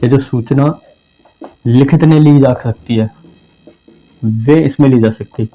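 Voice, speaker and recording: A man's voice: mid-range voice, slow pace. A man giving a conversational exam-prep lesson, repeating points and acting out phrasings to show meaning. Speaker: teacher. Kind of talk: explanatory lesson. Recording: dull lo-fi home recording.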